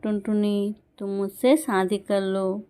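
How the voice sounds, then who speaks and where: A woman's voice: mid-range voice, steady tone, takes it slowly, mellow, smooth, lightly acted. A woman voicing a short-tempered male sparrow husband who scolds and makes threats. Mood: irritated.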